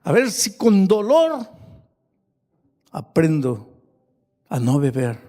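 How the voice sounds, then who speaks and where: A man's voice: fairly high pitch, huge pitch swings, takes it slowly, warm tone, voice pushed up, exaggerated voice. A man voicing a tearful drunken man begging his pastor. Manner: pleading, slurred and tearful. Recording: long church-hall reverb.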